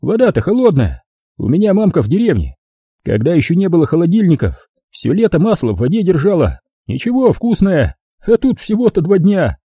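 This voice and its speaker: A lanky young thug, voiced by a man reading a story who flatters and snickers. His delivery swings lively up and down in a dark, husky voice, recorded dry. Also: sits high, fairly quick, no room sound, pitched above the performer's own voice, full character voice. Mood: fawning.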